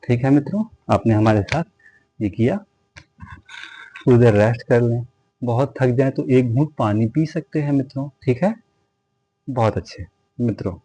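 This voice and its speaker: A yoga teacher with a Hindi accent speaks at a moderate pace with frequent pauses, his medium-pitched voice mellow and slightly rough. Guiding the class, he counts breaths, addresses viewers as friends over and over, and tells them to go easy and rest rather than strain. The recording is dry and rough.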